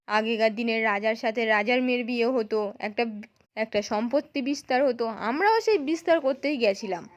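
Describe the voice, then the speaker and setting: Woman reading as a nasty young husband, sneering and taunting, high voice. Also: moderate pace, close to an everyday voice. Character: young husband, scheming and mocking.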